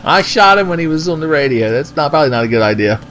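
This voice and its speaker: A man's voice: fairly high pitch, expressive, fast talker, a bit bright. A man giving joking, sarcastic commentary as he plays a video game, swearing casually. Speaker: video game let's player.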